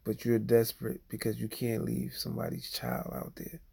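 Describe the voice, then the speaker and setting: Gravelly man ranting on a livestream. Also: medium pitch, level tone, moderate pace, a little mellow. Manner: rambling, blunt, full of "you know" and "okay?". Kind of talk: casual livestream monologue.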